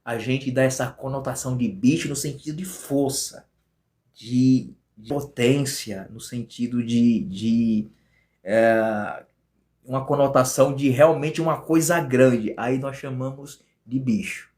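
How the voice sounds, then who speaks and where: A man's voice: mid-range voice, a little slow, darkish tone. A man from Bahia with a Bahian accent, a guest telling a personal testimony in an earnest, emotional way and repeating phrases for emphasis. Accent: Bahian Portuguese. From Bahia, Brazil.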